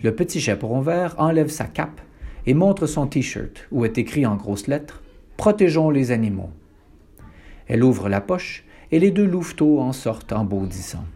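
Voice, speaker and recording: Storybook reader, man, mellow, husky, lively delivery. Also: moderate pace. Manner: announces each speaker in a low aside. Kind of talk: reading a children's book aloud.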